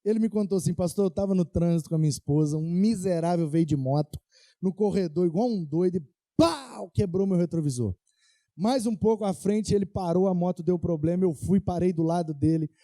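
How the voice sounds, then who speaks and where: Animated young Brazilian pastor telling stories. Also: male voice, sits high, fairly quick, no room sound. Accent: Brazilian Portuguese. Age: young adult. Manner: animated anecdotes, playful, acts out quoted dialogue. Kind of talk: storytelling sermon.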